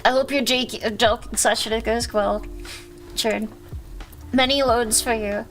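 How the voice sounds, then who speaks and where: A woman hosting a casual livestream, chatting with viewers in a rambling, halting, slangy way with frequent self-interruptions and swearing. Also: fairly high pitch, steady tone, faint music behind. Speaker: livestream host.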